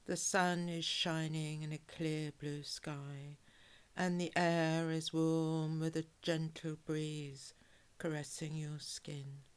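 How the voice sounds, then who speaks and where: Low, slow, soothing woman guiding relaxation. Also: smooth. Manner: calm, measured, soothing, with drawn-out phrases. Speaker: relaxation hypnosis guide. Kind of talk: guided relaxation hypnosis, soothing scripted narration.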